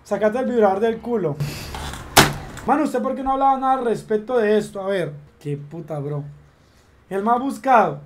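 A man's voice: sits high, normal speed, noisy background. A young man with a Colombian accent, chatting casually as a streamer in a crude, slang-heavy rant. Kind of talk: casual chat.

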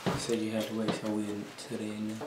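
A man's voice: lowish voice, monotone, fast talker, a little mellow, a little hiss or hum. Playful man in an echoey room. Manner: playful, goofy banter. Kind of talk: casual chat. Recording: echoey small room, far from the mic.

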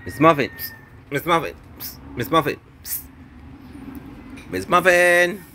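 Filming on a handheld phone from the wooden veranda of his home, this family vlogger is a middle-aged man with a Jamaican accent chatting casually in patois. His voice is fairly high, creaky and sharp, and he takes his time, often repeating himself, against slight background noise.

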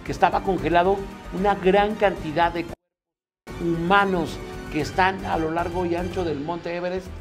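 A man with a fairly high voice relays a news item in a loose, rambling way, stopping to search for words. Soft music plays faintly behind him. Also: steady tone, normal speed. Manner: rambling with many fillers and restarts. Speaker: comedy news co-host. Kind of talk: casual news commentary.

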